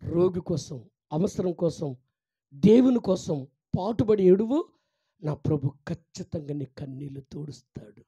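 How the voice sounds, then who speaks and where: A male pastor giving a fasting prayer sermon. He preaches fervently, swinging from loud exclamations to hushed, tender pleading, and calls his listeners child and mother. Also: high-pitched, lively intonation, breathy edge.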